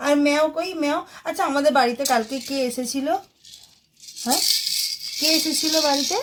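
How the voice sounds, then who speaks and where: A woman's voice: high-pitched, fairly quick, noisy background. A young Indian woman vlogging casually at home, chatting to her viewers as friends and coaxing her toddler in playful baby talk.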